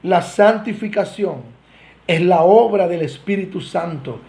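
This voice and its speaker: A man's voice: sits high, lively intonation, unhurried, vocal fry, dark tone. A man with a Costa Rican accent preaching a sermon, earnestly addressing the congregation with swelling emphasis. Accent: Costa Rican Spanish. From Costa Rica. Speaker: pastor.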